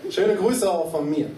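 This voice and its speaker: A man performs rhymed slam poetry on a live stage, his voice pitched a little high. He recites in a driving rhythm and keeps coming back to a punchy refrain. He is picked up from a distance in a reverberant hall, with a faint hum of the crowd behind him. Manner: chatty intro, then recited verse with a loud, repeated refrain.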